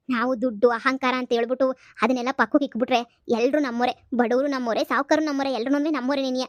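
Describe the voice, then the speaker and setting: A woman's voice: sits high, no room sound, lightly acted. A woman voicing a young village daughter who scolds and lectures her father. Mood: lecturing. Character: young village daughter, sharp-tongued and wise.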